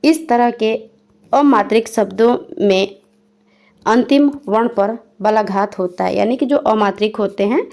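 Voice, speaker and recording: Mellow-voiced woman teaching Hindi grammar. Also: medium pitch, a little slow. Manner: reads a definition, then re-explains it in plain words; spells out examples one by one. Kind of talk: exam-prep grammar lesson.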